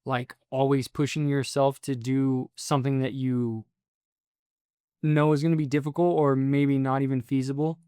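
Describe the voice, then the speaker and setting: A podcast host asking searching questions in a casual, halting way. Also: medium pitch, little pitch movement, warm tone, clean tone, no echo, studio quality.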